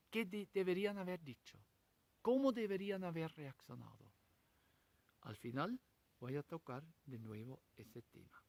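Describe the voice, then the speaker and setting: Slow, animated male pastor preaching. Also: on the high side, dry recording. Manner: speaks in short, measured phrases with frequent pauses; retells the story vividly, asking rhetorical questions. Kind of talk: sermon.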